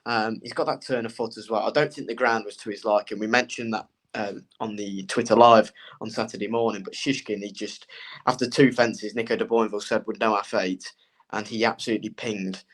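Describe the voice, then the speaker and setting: A man co-hosting a casual horse racing chat, excitable and animated as he gives his opinions. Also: lowish voice, brisk. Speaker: co-host and racing tipster.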